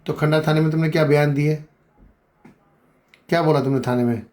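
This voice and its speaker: A man's voice: on the high side, steady tone, a little fast. A man questioning a couple, repeating each answer back and pressing them to speak up. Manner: probing, repeats answers back, urges louder speech; calls people beta. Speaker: interviewer. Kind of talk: on-the-spot questioning interview.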